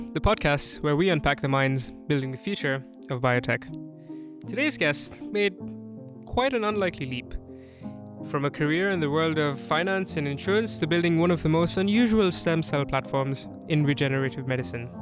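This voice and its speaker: A man's voice: a little high, animated, normal speed, music in the background. A man hosting a podcast, reading a scripted welcome and then asking his guest questions. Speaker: podcast host. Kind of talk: scripted intro and interview questions.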